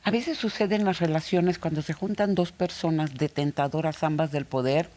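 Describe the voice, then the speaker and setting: Brief: woman TV host, slightly low voice, measured, lots of "ujú". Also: darkish tone. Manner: measured, frequent affirming murmurs. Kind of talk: studio conversation on psychology.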